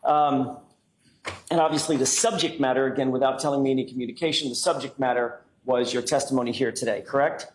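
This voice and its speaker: A male defense attorney in a courtroom recording, pressing a witness with rapid-fire cross-examination questions. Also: mid-range voice, steady tone. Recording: echoey courtroom audio, faint noise.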